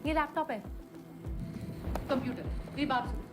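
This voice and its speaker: A woman's voice: sits high, moderate pace, over loud music, lightly acted. Actress playing an urgent, pleading woman. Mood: gently explaining. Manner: urgent, pleading, repeats his name. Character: earnest young woman pleading with a boy. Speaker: hospital worker from the future. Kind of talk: film drama acting. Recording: roomy echo, loud film score.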